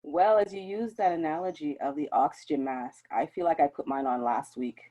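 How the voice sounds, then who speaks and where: A woman on a panel giving a measured, candid personal account. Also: low voice, warm tone. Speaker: homeschooling mom on panel. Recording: dull lo-fi audio.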